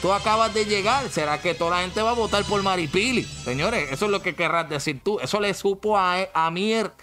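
A Puerto Rican man hosting an animated gossip show, emphatic, repeating himself and ordering his producer around. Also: high-pitched, fairly quick, soft background music. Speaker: show host.

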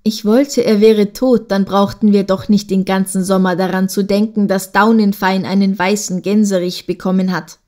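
A woman's voice: medium pitch, steady tone, normal speed, few pauses, darkish tone, lightly acted. Woman doing a spiteful boastful goose sister. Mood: scheming.

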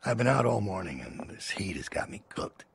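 An actor playing a menacing middle-aged man who poses as a friendly neighbor, probing with smooth, false politeness in a video game. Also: low voice, big pitch swings, brisk, exaggerated voice. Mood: falsely friendly. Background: game music.

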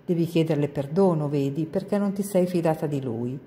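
A woman's voice: low voice, brisk, warm tone, long reverb tail, natural voice. A woman reading aloud and voicing a kind older woman who comforts a child in a soothing, patient way. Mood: gentle.

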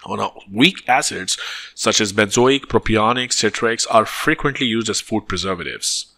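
A man's voice: on the low side, normal speed, creaky, sharp tone. A man with a Pakistani accent and native Urdu lectures on medicine, reading textbook material aloud and explaining it as he switches between English and Urdu.

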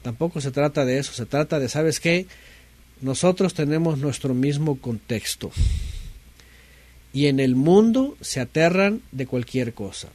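A man's voice: a little high, animated, a little slow, a little mellow, no room sound. A man with a Mexican accent preaching a sermon in a conversational way, often asking rhetorical questions and mimicking people's complaints.

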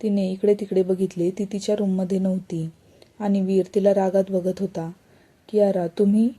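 A woman narrating a romance story as a storyteller, in a steady and even reading. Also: mid-range voice, normal speed, slightly rough.

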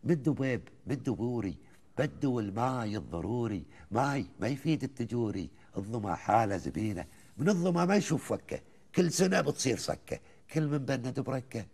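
A man with a Kuwaiti accent, a guest on a TV talk show, reciting colloquial poems in a lively, rhythmic way between bits of chat. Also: medium pitch, fairly quick, breathy edge. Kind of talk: reciting colloquial poetry in conversation.

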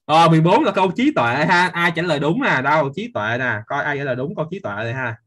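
A man's voice: on the high side, expressive, quick pace, fairly bright tone. A young man, teaching physics in a live online class, quizzing students by name and teasing them.

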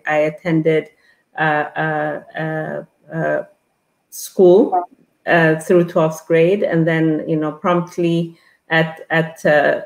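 A woman's voice: low-pitched, reverberant. A middle-aged woman from Ethiopia, a guest on an online interview, talking with many fillers and restarts over an earbud headset. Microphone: earbud headset on a video call.

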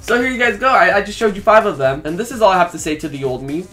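A man's voice: high-pitched, racing, bright, forceful tone, soft background music. A young man vlogging casually, candid and self-mocking, talking with lots of "like" and "bro". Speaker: YouTuber. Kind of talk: casual reaction vlog.

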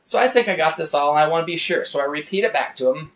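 A man hosting from his art studio, telling a travel story in a lively way and acting out scenes. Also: fairly high pitch, quick pace, reverberant. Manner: animated, acts out scenes. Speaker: artist and show host. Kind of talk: casual storytelling. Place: artist's studio.

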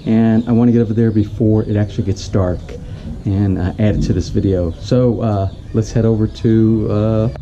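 An older male vlogger films himself with an action camera held at arm's length while he walks a tropical roadside lot, rambling casually, pointing things out and restarting often. His voice sits fairly low and steady at a normal speed, but the highs are cut off and the background is noisy.

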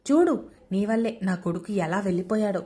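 A woman voicing a sharp-tongued middle-aged mother-in-law who scolds loudly and taunts. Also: medium pitch, animated, fairly quick, natural voice. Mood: scolding. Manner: loud and taunting.

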